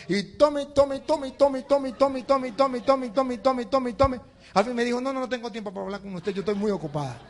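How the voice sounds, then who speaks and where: A male priest preaching a sermon, telling a humorous story with laughter and imitating the people in it. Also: high-pitched. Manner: animated, laughing, mimics others in anecdotes.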